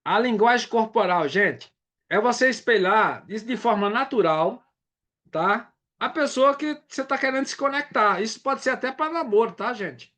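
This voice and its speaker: A man's voice: very high voice, lively intonation, moderate pace, bright, forceful tone. A man from Brazil, giving a casual live sales training and often checking in with his audience.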